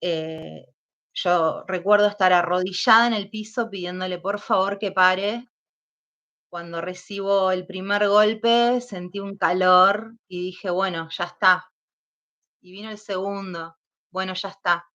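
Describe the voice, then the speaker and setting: A woman with an Argentine accent, giving personal testimony as an interview guest, speaking slowly and hesitantly as she recalls painful events. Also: medium pitch, fairly even intonation, a bit bright. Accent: Argentine Spanish. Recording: dull lo-fi sound.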